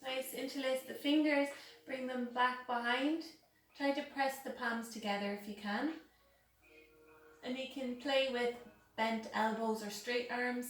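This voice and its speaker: A woman leading a guided yoga class in a calm, soothing, unhurried manner. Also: fairly high pitch. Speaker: yoga instructor. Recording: echoey room, distant mic, faint music.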